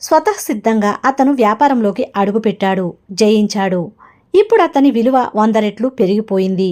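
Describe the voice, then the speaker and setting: A woman narrating a self-help audiobook in a steady, measured reading voice. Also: medium pitch.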